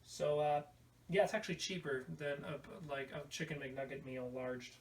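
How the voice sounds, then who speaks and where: Hosting a casual video podcast from a room in his home, this man speaks at a moderate pace in a voice on the high side. He meanders through a show-and-tell full of irreverent, crude jokes. The recording is roomy and distant, with faint background noise.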